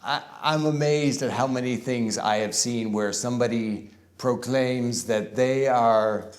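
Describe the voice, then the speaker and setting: Slow-paced man giving a conference talk. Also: mid-range voice. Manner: conversational, with varied emphasis and deliberate slow stretches. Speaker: conference speaker. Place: conference room with live audience.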